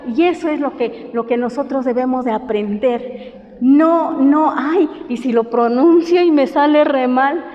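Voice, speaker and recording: A woman's voice: sits high, measured pace. A woman from coastal Oaxaca, a native Mixtec speaker with a Mexican accent, teaching a language class in a patient, encouraging way and often restarting her sentences. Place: university classroom. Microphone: teacher's own microphone. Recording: roomy hall echo, slightly dull.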